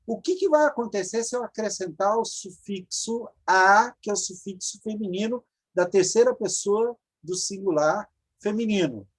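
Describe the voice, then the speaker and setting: A woman's voice: mid-range voice, animated, normal speed, breathy edge. A Brazilian woman teaching a Hebrew grammar class over a video call, explaining patiently and repeating forms for her students. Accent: Brazilian Portuguese. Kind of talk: online grammar lecture.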